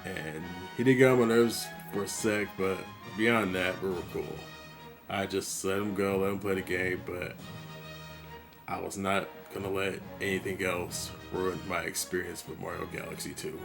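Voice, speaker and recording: Gravelly low-voiced man telling a story. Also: fairly even intonation, moderate pace, over music. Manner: laid-back, conversational storytelling. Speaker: gaming vlogger. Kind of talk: storytelling monologue.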